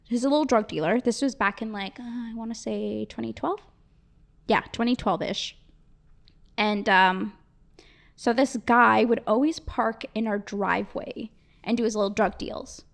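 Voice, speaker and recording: A woman in her late twenties from Canada, co-hosting a podcast and telling a story in a casual, profane, animated way. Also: on the high side, moderate pace, creaky. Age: late 20s. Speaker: podcast co-host.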